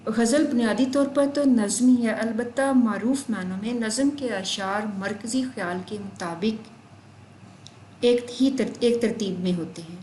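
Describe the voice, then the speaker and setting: A young woman teaching a lesson to students, patiently explaining step by step and spelling out words slowly. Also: medium pitch, darkish tone. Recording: echoey room, faint background noise.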